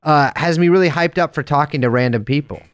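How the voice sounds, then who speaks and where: A man's voice: fairly high pitch, fast, smooth, dry recording. A man guesting on a casual podcast, playful, laughing often and swearing freely.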